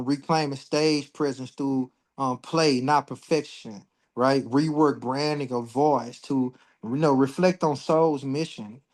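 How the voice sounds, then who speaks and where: A man in his forties hosts an astrology livestream, his voice on the high side with a darkish tone. He talks bluntly and casually, swears a lot, and gets worked up when he goes on a rant.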